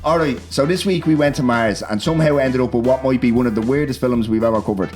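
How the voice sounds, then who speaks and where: A man's voice: mid-range voice, fast talker, darkish tone, faint music behind. A man with a Dublin Irish accent hosting a film podcast in an informal, sweary, chatty way. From Ireland. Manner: informal, sweary, often tagging on "do you know what I mean". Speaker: podcast host. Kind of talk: casual film discussion.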